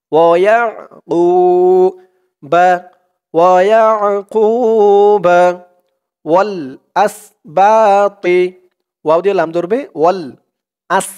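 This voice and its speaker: A man teaching Quran reading, slowly spelling out each syllable and then reciting the verse melodically. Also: high voice, darkish tone, lo-fi sound.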